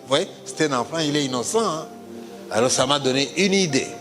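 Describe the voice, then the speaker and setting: Theatrical storyteller in a hall. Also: male voice, on the high side, fairly quick, soft background music. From Congo. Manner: lively, theatrical, switches between voices. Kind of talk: comic stage monologue.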